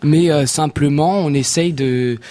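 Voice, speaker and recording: A young circus performer from the south of France speaks with a southern French accent. His voice sits a little high for a man. He talks in a relaxed, halting way, full of fillers and restarts. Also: dry recording. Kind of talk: casual radio interview.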